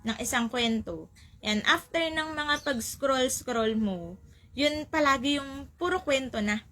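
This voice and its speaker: A woman preaching a sermon, telling a story in an animated way and repeating phrases for emphasis. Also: sits high, a little slow. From Philippines.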